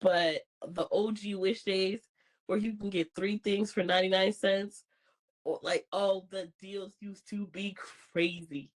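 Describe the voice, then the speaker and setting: A woman's voice: mid-range voice, fairly even intonation, a little slow. A young woman co-hosting a podcast in casual chat, teasing in a dry, matter-of-fact way. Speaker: podcast co-host.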